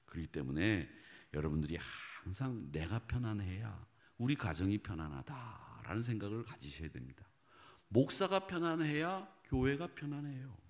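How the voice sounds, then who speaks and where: A man preaching a sermon as pastor, animated and talking straight to his congregation, dropping at times to hushed asides. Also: medium pitch, normal speed. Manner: animated, swings from loud exhortation to hushed whispered asides; talks directly to the congregation with questions. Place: church sanctuary.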